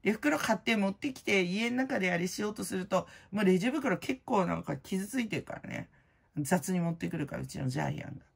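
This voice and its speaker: A middle-aged woman hosting her own channel, chatting casually in a blunt, slangy way full of fillers, and loud-voiced by her own account. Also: mid-range voice, expressive, brisk, vocal fry, breathy edge. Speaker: prize-winning vlogger host. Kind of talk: casual chat.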